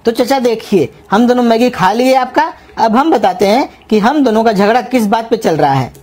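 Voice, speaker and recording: A woman voicing a scheming young man who coaxes and flatters to get free food in a comedy cartoon. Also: fairly high pitch, normal speed. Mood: persuasive. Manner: coaxing, flattering, persuasive. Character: scheming young man, sweet-talking and crafty. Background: music.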